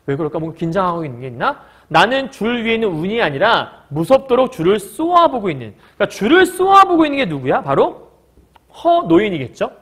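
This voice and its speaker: Male literature teacher, high and lively voice, lectures by firing questions at the class and answering them. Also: brisk, husky. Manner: breaks into short acted quotes of characters.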